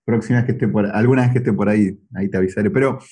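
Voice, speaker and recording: A man's voice: on the low side, very fast, mellow, breathy edge. A man hosting a casual interview, asking friendly, curious questions. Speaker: interview host.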